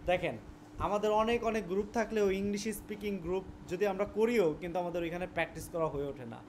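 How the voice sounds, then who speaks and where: A man's voice: sits high, fast talker, a little mellow, slight background noise. A young Bangladeshi man with a Bangladeshi Bengali accent, teaching a casual spoken lesson and mixing English words into his Bengali, often restarting his words.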